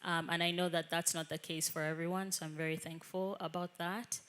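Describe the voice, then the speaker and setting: A young adult woman, an actress, talking as a guest in an interview in an articulate, animated way. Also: fairly low pitch, a little fast, clear, resonant tone. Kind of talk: conversational interview.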